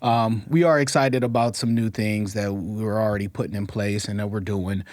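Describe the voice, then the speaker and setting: A man co-hosting a podcast in casual chat, relaxed and plainspoken. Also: on the low side, moderate pace, no room sound. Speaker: podcast co-host.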